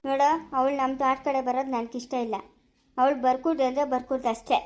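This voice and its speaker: A woman playing a sharp-tongued, quarrelsome middle-aged village mother in a family drama, scolding and hurling insults. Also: high voice, flat delivery, quick pace, lightly acted. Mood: bossy.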